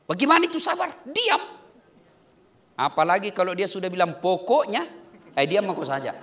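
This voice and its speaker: A middle-aged man from Indonesia giving a humorous sermon, playful and animated, swinging between loud bursts and soft asides. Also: sits high, moderate pace. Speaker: preacher.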